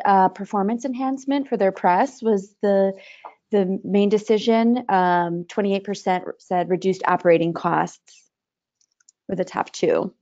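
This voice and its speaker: A woman moderating a webinar, briskly running a poll and encouraging the presenter. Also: mid-range voice, darkish tone, lo-fi sound.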